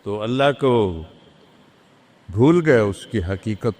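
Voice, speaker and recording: A man's voice: on the low side, expressive, slow, a little mellow, in a large hall. A man preaching a sermon in a mosque, with rhythmic, repetitive oratory and recited Arabic verses.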